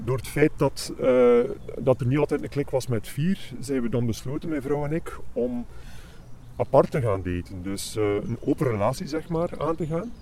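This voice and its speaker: Flemish guy with a pitch-shifted disguised voice, lots of ehs and restarts, sitting outside with faint noise around. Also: big pitch swings, normal speed, mellow. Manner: hesitant, many fillers and restarts. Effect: voice digitally disguised for anonymity. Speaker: interviewee, part-time gigolo. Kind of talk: casual interview. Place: outdoors on a park bench.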